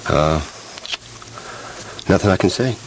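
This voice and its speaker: Deep-voiced man, radio DJ signing off. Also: lively intonation, noisy background. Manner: halting, emotional farewell. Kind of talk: on-air radio sign-off. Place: radio studio.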